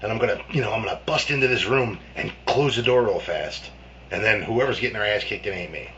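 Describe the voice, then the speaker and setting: Man, low voice, rambling profane storytelling, lo-fi muffled recording with faint hum. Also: fast talker, fairly bright tone. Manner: rambling, profane, many restarts and fillers. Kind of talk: casual spoken ghost story.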